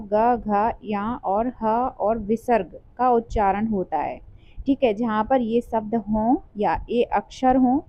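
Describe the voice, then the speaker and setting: A woman with a fairly high voice teaches an exam-prep lesson, sounding out letters one by one and explaining patiently. The recording is a little dull and lo-fi. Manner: explains step by step, sounding out letters, often says 'theek hai'.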